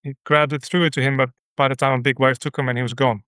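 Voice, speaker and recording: A man from the Netherlands with a Dutch accent, a ministry leader recounting his story as an interview guest in an earnest, halting way with many fillers. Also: mid-range voice, little pitch movement, a bit bright, dry recording. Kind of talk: conversational interview.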